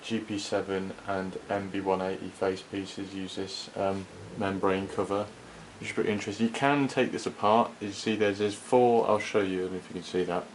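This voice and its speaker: A man with a low, flat voice reviews gear, and the audio quality is poor with clearly audible background noise. He collects and reviews gas masks, and in this unscripted hands-on product review he comes across as hesitant, halting and rambling.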